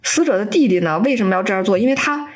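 A woman podcast host casually retelling a story, animated and often laughing, slipping in short character voices. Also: medium pitch, rapid-fire.

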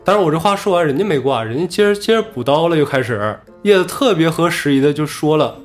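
A man casually telling a story from his own life on a podcast, animated and acting out what others said. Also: a little high, fast, soft background music. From Inner Mongolia.

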